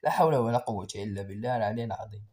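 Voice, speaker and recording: A man's voice: fairly low pitch, very fast, darkish tone, voice pushed down, natural voice. A man with a Moroccan accent voicing a solemn religious village sheikh. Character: stern Quran-reciting village sheikh.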